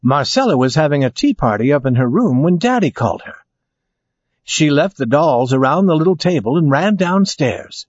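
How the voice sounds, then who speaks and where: Husky man reading a lively storybook. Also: fairly high pitch, moderate pace, no room sound. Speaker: narrator. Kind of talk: storybook read-aloud. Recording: dry, dull lo-fi sound.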